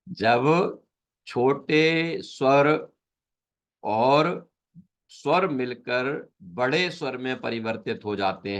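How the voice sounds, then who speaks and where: A man teaching an online class on Sanskrit sutras, patiently explaining and repeating each term. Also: medium pitch. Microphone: video call.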